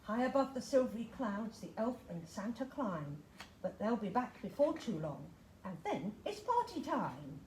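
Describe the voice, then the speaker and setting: Woman storytime reader: lively, fairly high, playful, echoey room. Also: normal speed. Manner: expressive, sing-song, playful. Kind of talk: reading picture books aloud. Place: library room. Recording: roomy echo, faint hum.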